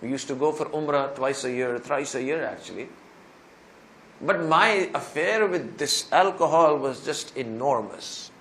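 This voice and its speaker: A man's voice: medium pitch, unhurried, fairly bright tone, a little hiss or hum. A male preacher giving a sermon, retelling another man's story in the first person and rising to emphatic pleas at its peaks. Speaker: Islamic preacher.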